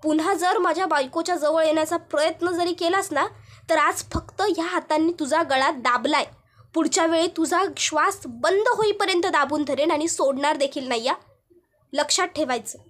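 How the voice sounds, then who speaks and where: A woman's voice: sits high, normal speed, a bit bright. A woman voicing a stern young husband in a TV serial who warns another man off his wife. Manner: stern, threatening.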